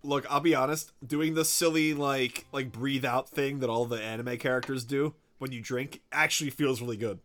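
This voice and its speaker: A man's voice: mid-range voice, steady tone, moderate pace, few pauses, fairly bright tone. A man co-hosting a casual chat, teasing his friend and swearing casually. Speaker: podcast co-host.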